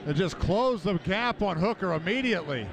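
High voiced guy doing football color commentary on radio, noisy stadium behind. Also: animated, moderate pace. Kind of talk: live American football radio analysis. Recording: stadium radio broadcast, clear background noise.

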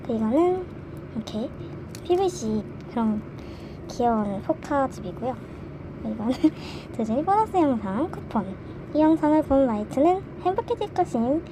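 A young woman vlogging an unboxing, excitable and quick to gasp and squeal with delight. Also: sits high, noisy background. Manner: excitable, gasping and squealing over merch. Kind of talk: casual unboxing vlog.

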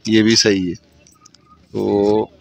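A man's voice: fairly low pitch, little pitch movement, very slow, gravelly, no room sound. A man in his thirties with a Karachi Urdu accent, chatting casually as he vlogs a fishing trip and explains things as he goes. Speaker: vlogger. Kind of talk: casual vlog narration. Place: outdoors, in a car and by the sea. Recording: noisy outdoor street and sea ambience.

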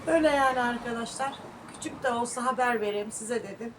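Sorrowful middle-aged woman with a higher voice. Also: fast talker, noisy background. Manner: prayerful, sorrowful, calls out sharply to her dog. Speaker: vlogger. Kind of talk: casual home vlog talk to viewers. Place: at home.

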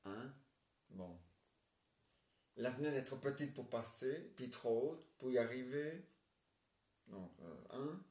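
A man's voice: medium pitch, expressive, slow pace, pauses often, a little mellow. A man performing every part of his own homemade play himself, rambling and hesitant, with frequent filler tags. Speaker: amateur playwright performing all parts. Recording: roomy echoey home recording.

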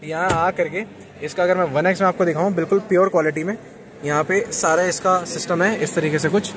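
Man, casual car show walkaround, slightly high voice, loud busy hall noise behind him. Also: steady tone, quick pace. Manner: chatty, informal, addresses viewers as brother. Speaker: auto show vlogger. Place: busy indoor auto expo hall. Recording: loud crowd ambience behind the voice.

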